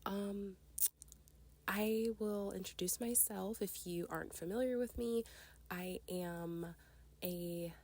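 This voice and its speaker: A woman's voice: mid-range voice, slow, darkish tone. A woman in her twenties hosting a casual solo podcast, sounding nasal and congested from a cold, chatty and rambling. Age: 20s. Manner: chatty, rambling, with fillers and laughs. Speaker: podcast host.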